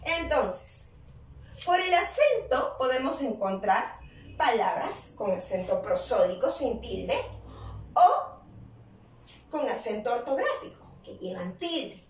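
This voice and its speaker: A high-pitched woman teacher speaking at an unhurried, careful pace. She often poses questions to the class and answers them herself, leaning on the key words. Her voice sits back from the mic in a roomy, echoing space. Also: big pitch swings, recorded from a distance. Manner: slow, deliberate explaining with stressed key words. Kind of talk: virtual class lesson.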